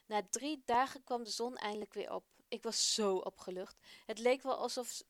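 A woman voicing a frightened, awed Egyptian boy in a children's radio story, telling of his ordeal in a rushed, breathless way. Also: on the high side, no echo, close to an everyday voice.

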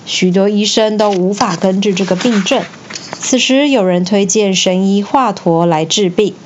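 A woman narrating a classic tale for children in a clear, gently expressive reading voice. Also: medium pitch, dull audio, slight background noise. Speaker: storyteller.

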